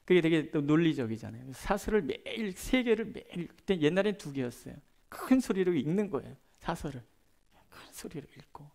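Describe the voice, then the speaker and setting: A middle-aged man preaching a prayer-meeting sermon as a pastor, chatting through personal stories and moving between loud emphasis and soft, hushed asides. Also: on the high side, big pitch swings, a little fast, vocal fry. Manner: conversational, tells personal stories with gestures.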